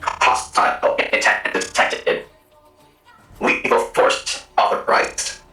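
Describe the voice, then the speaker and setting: A man, the game master, voicing a stern security robot that issues slow, flat, clipped commands. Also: echoey room, recorded from a distance, faint music behind, poor audio. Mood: menacing. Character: stern security robot construct, cold and menacing.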